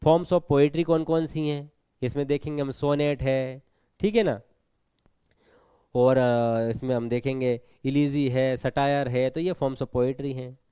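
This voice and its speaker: A man's voice: mid-range voice, steady tone, unhurried, dark tone, smooth, no room sound. A man teaching an exam preparation lesson with a Hindi accent, explaining step by step and asking students questions. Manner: explanatory, repeats points, asks students questions.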